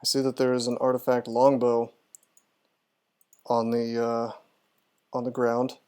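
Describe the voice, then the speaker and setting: Thinking aloud as he plays, a man chats through his moves on stream and replies to his chat. He speaks in a mid-range voice that is dark and clean in tone, delivered in a monotone at a measured pace.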